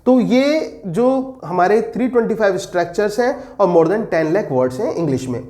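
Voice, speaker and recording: A man teaching English pedagogy for teacher exams, posing questions to his students and slowing down to dictate definitions. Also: high-pitched, animated, dark tone. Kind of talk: exam-prep lecture.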